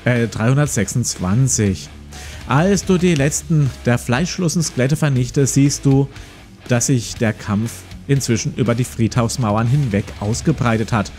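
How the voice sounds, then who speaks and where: A man in his forties hosts a let's play, reading a gamebook aloud and adding casual comments. His voice is medium-pitched and a little mellow, with plucked guitar music in the background.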